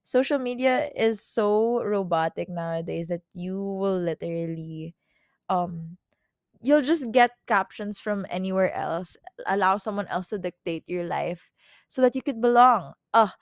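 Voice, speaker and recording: Young Filipino woman, twenties, podcast host; mid pitch, loose chatty delivery, dry close sound. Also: lively intonation, no room sound. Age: 20s. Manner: chatty, rambling, full of "like" fillers and quick self-corrections. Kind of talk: casual solo podcast chat.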